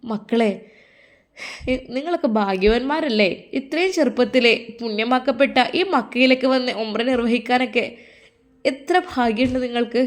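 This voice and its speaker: A woman's voice: on the high side, normal speed, close to an everyday voice. Woman doing a doting, devout old mother. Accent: Malappuram Malayalam. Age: older. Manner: fervent, prayerful, doting. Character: older mother, tender and devout.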